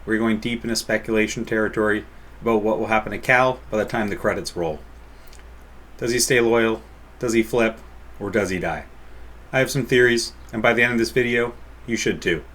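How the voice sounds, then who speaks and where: A man narrates a scripted video essay with a bright, forward tone. His delivery is deliberate and emphatic, and he leans on key words as he builds his points. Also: medium pitch. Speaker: gaming video host.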